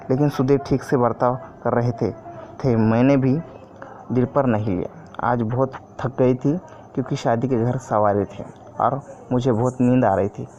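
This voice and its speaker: A man narrates a homespun first-person story in a mellow, dark-toned voice, plain and unhurried, stopping now and then to restart a word. The audio is dull and lo-fi with a faint hiss of noise behind him. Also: medium pitch.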